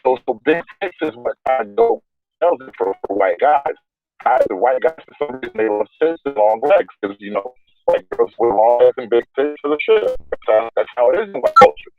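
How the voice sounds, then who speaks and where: A man's voice: mid-range voice, very animated, moderate pace, gravelly, faint music behind. A man on a crackly phone line that keeps fading in and out, arguing his point at length as a panel guest and repeating words as he thinks. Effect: crackly phone line that fades in and out. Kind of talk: casual debate on a call-in show. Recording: tinny dropping-out phone line.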